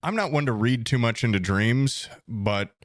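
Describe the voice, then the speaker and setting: A young man co-hosting a podcast, telling a dream story in a joking, animated way. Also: mid-range voice, moderate pace, no echo, clean studio sound. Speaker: podcast co-host. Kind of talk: casual chat.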